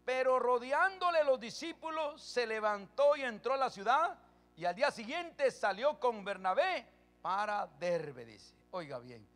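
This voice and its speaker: A pastor with an extremely high-pitched voice delivers a sermon, first reading Bible verses calmly. He then builds to loud, forceful preaching, firing quick questions at the congregation.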